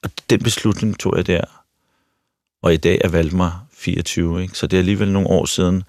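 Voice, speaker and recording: A man's voice: deep voice, little pitch movement, a little mellow, no room sound, clean studio sound. A middle-aged actor and talk show host tells a personal story frankly and openly, often stopping to restart his sentences. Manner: frank, self-revealing, with repeated restarts.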